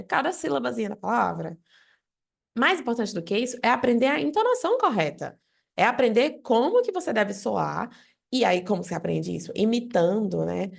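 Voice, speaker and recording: Brief: Brazilian woman teacher, close mic, a bit of vocal fry, direct and lively to camera. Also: medium pitch. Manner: explains directly to viewer, lively questions. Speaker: English teacher. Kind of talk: online language lesson.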